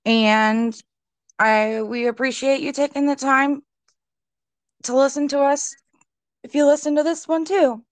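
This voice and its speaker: Woman cohost talking real slow, higher voice, earnest. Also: fairly even intonation, no room sound. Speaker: podcast co-host. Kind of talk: casual podcast chat.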